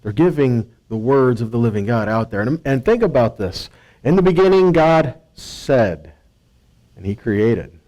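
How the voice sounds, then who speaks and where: Here a man preaches a conversational scripture teaching in a warm, expressive, mid-range voice at an unhurried pace; the recording's highs are cut off. He speaks emphatically, quotes and paraphrases dialogue, and pauses for rhetorical asides and check-ins with listeners.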